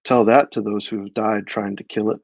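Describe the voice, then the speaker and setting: A man's voice: fairly low pitch, level tone, moderate pace, a little mellow, dry recording, close to an everyday voice. A man reading aloud, voicing a weary, grumbling man in a tavern in his own voice, recorded on a dull, dry mic.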